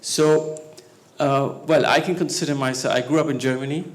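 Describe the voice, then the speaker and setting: Hesitant Spanish-born scholar speaking on stage. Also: male voice, mid-range voice, normal speed. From Spain. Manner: hesitant with many fillers, growing animated. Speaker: scholar panelist. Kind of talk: conversational talk on stage. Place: talk venue stage.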